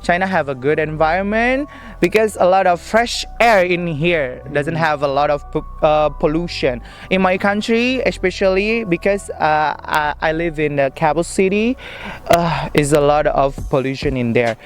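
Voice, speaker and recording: A man's voice: a little high, normal speed, soft background music. A young man from Indonesia with an Indonesian accent, answering interview questions outdoors in a park. He is upbeat and chatty but hesitant, with many fillers. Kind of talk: casual street interview.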